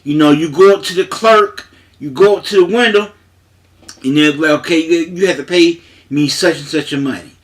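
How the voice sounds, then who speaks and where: A man's voice: on the high side, moderate pace. A man speaking in a casual, emphatic monologue as a paralegal, repeating himself and using frequent fillers, with a way of talking.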